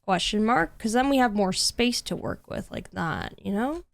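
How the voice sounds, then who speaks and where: Streaming a game from her home room, a woman chats casually and ramblingly with viewers, saying "like" and "literally" constantly. Her medium-pitched voice is gravelly and animated at a moderate pace, with a little hiss or hum in the audio.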